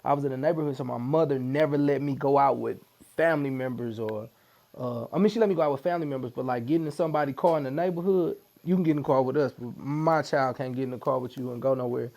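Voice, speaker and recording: A man with a St. tells his story in a relaxed, chatty way. His voice has a gravelly edge, and he slips into the voices of the people he quotes. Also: mid-range voice, quick pace. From Missouri, USA. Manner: animated storyteller who acts out quotes. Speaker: podcast guest. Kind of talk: storytelling in casual conversation.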